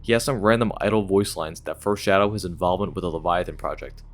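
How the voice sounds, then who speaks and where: A man's voice: deep voice, fast talker. A man hosting a gaming video, reading scripted retrospective narration in a casual, enthusiastic way.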